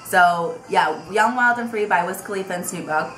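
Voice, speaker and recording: In a small bedroom with a vanity, a twenty-something beauty vlogger films a tag video, chatting casually and animatedly with plenty of fillers. Her fairly low voice moves at normal speed, reverberant, with music playing behind her.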